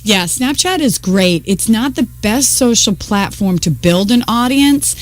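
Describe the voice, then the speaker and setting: A woman's voice: medium pitch, lively intonation, measured pace, dry recording. A woman speaking as an expert guest in a radio interview, explaining things conversationally. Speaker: social media consultant, interview guest.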